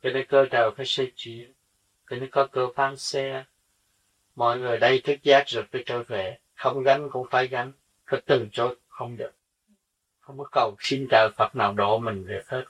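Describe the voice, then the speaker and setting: A man's voice: medium pitch, fairly bright tone, slightly rough. A man giving an earnest spiritual sermon, teaching with rhetorical questions. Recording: dull lo-fi recording from a distance.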